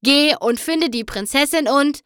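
A woman reading a storybook aloud and voicing a wise old stallion pony who talks with gentle, sorrowful persuasion. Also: high voice, measured pace, no room sound, clean studio sound, pitched above the performer's own voice. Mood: sad.

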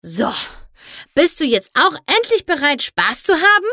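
A woman voicing a rowdy, down-to-earth female farm pony who calls out loudly. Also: mid-range voice, very animated, moderate pace, clear, resonant tone, no room sound, clean studio sound. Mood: hearty. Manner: loud, hearty calling out.

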